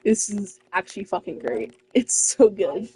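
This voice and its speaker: A woman's voice: medium pitch, big pitch swings, a little slow, mellow, husky. A woman giving casual, swearing commentary while streaming a game.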